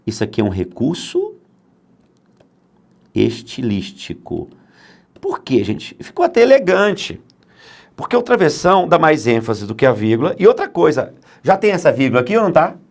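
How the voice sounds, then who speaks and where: A man's voice: medium pitch, very animated, normal speed, gravelly. A man teaching grammar for exam prep, emphatic and fond of asking and answering his own questions.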